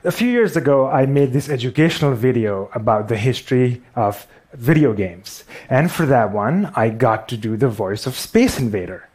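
A man's voice: medium pitch, expressive, moderate pace, hardly any pauses, darkish tone, breathy edge. A man with a Pakistani accent giving a storytelling talk on stage, wry and self-deprecating.

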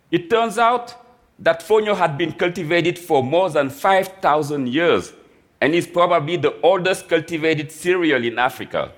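A man from Senegal, a chef, giving a prepared talk on a live stage in a measured, reflective way. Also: fairly high pitch. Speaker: chef and speaker.

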